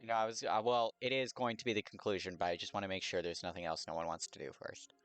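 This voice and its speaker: Low-voiced man running a tabletop game. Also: level tone, fast, fairly bright tone. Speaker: game master.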